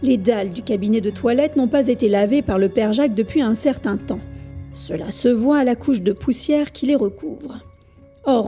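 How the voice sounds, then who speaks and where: A woman voicing a self-assured young male reporter who calmly explains his reasoning, in an audiobook reading. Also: on the high side, close to an everyday voice.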